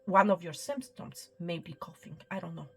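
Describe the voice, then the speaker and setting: A woman giving a spiritual reading in a soft, reassuring way, often dropping to a whisper and checking in with the listener. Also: fairly low pitch, lively intonation, moderate pace, gravelly, slightly rough. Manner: soft, reassuring, repeats "okay" and "my friend"; drops to a whisper at times. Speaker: psychic reader. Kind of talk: tarot-style spiritual reading to camera. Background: soft background music.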